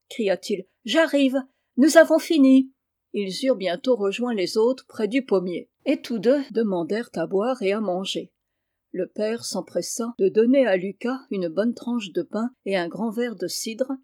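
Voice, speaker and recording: A woman reading a classic storybook aloud with calm, measured narration. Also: mid-range voice, dry recording, studio quality. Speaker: reader.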